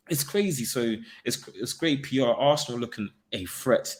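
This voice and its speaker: Animated young man talking football. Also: mid-range voice, measured pace. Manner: animated, slangy, laughs often. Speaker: football pundit. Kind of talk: casual football chat.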